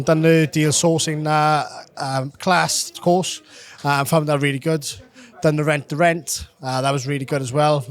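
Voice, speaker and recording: A man with a South Welsh accent and a voice pitched a little high. He gives an informal testimonial, answering interview questions in short, clipped phrases. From South Wales. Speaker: academy student giving a testimonial.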